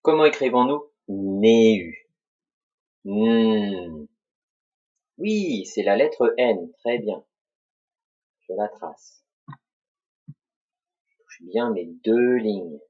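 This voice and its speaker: A man teaching a dictation lesson, slowly spelling out syllables for children to repeat and write. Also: lowish voice, lively intonation, dark tone, husky. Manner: slow, deliberate, spells out syllables. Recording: dull lo-fi recording.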